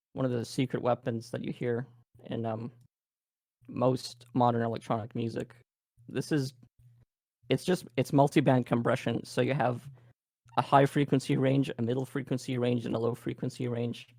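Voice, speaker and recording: A man with a Canadian accent giving a relaxed live workshop demo, thinking aloud with many fillers. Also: mid-range voice, vocal fry, dry recording. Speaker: game audio presenter.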